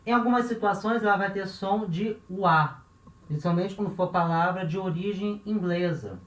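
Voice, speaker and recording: A man's voice: high-pitched, normal speed, fairly bright tone. A Brazilian man teaching a language lesson, patiently repeating each example word and checking in with the listener after nearly every phrase. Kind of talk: classroom-style language lesson. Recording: roomy, dull lo-fi recording.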